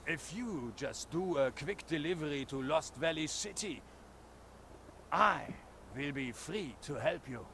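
German-accented game biker, gravelly, slightly high-pitched, broken English, faint hiss. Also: male voice, lively intonation, takes it slowly, sharp tone, heavily acted. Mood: pleading. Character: gruff German biker man, nervous fixer. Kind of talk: video game dialogue.

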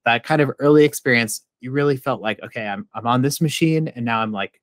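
A man's voice: mid-range voice, fairly quick, dry recording. A man in his thirties from Massachusetts, a professor speaking as a guest in a thoughtful, conversational way with many "like" fillers, over a video call. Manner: thoughtful, frequent "like" fillers, expressive hand gestures. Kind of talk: conversational interview answer. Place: home office. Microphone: video call with earbuds.

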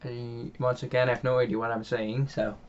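A young man with a Dutch accent talks through a farming game in a loose, meandering way, stacking ums and uhs and restarting his sentences. His voice sits at a middling pitch. The home microphone sounds a little dull and muffled. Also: flat delivery, a little fast. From Netherlands. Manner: rambling, many fillers and restarts, chuckles often. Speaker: gaming channel host. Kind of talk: casual gameplay commentary.

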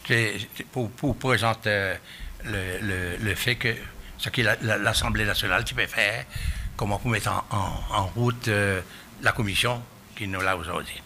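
A man giving halting testimony at a public hearing, often restarting as he searches for words. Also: on the low side, bright, forceful tone, slight background noise. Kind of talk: spoken testimony. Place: hearing room.

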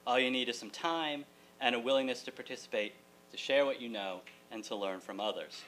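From the podium of a lecture hall, this middle-aged keynote speaker, who teaches college writing, gives an articulate, wry prepared address full of jokes. His mid-range voice is brisk with a fairly bright tone. A faraway camera recorded it amid hum and room noise.

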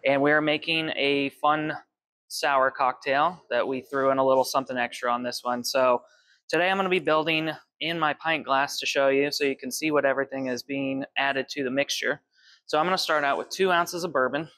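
A man's voice: mid-range voice, fairly quick, sharp tone. A young man in his twenties working as a bartender, walking through cocktail recipes step by step at an indoor bar. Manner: friendly step-by-step instructions while mixing. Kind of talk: cocktail demonstration. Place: indoor bar with shelves of bottles.

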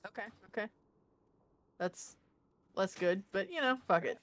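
A woman's voice: medium pitch, animated, unhurried, fairly bright tone, no echo. A woman streaming a game, chatting casually and playfully and swearing now and then. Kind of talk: casual gaming chat.

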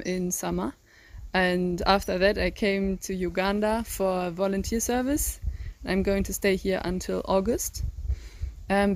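Out in a garden, an interviewer holds a phone up to an eighteen-year-old volunteer from northern Germany. Her English, a second language, carries a German accent and sits at medium pitch. Her answers come slowly and thoughtfully, broken by ums, pauses and restarted sentences as she searches for words.

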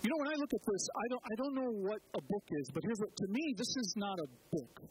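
A man giving an animated spoken-word talk at an open mic, with dramatic pauses and sudden jumps in pitch for emphasis. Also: slight background noise, rough recording.

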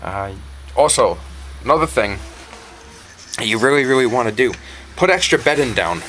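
Animated and fairly bright in tone, his medium-pitched voice moves at a normal speed. He keeps backyard chickens and vlogs about it, offering relaxed instructions outdoors and in a small wooden coop, often repeating himself to drive points home. The noisy recording was captured by a handheld camera with its operator behind it.

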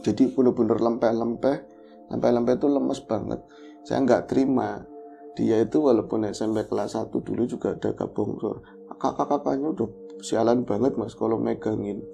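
Gravelly animated male storyteller. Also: mid-range voice, moderate pace, soft background music. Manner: animated, acts out quoted voices. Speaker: guest storyteller. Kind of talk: casual horror storytelling chat.

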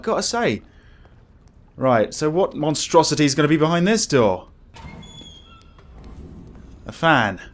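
A man giving casual let's play commentary as a scared, jumpy horror game streamer who exclaims and swears. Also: mid-range voice. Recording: music behind the voice.

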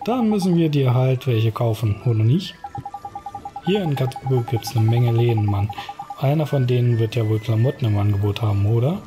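A man's voice: mid-range voice, moderate pace, over music, close to an everyday voice. A man voicing a brash, cheeky little fairy sidekick while reading slangy game dialogue aloud. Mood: blunt. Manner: slangy, blunt, grumbling.

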